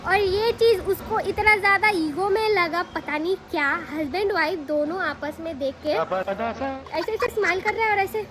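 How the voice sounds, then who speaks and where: With an extremely high-pitched voice, a young woman from Assam, India, vlogs a personal story to camera, lively and talkative, frequently addressing the listener with rapid rhetorical asides. The recording has a distinct hiss in the background.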